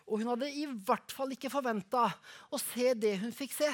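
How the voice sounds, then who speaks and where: Slow, dramatic woman preacher. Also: on the high side. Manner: slow, dramatic storytelling, dropping to a soft hush. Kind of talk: dramatic Easter sermon storytelling, then prayer.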